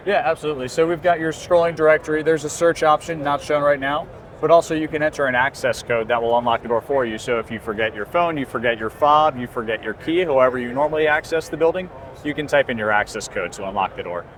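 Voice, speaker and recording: Speaking fast in a fairly bright, higher-pitched voice, this man demonstrates a product for his company at a crowded indoor trade show booth. He explains things conversationally while the exhibition hall hums with steady floor noise.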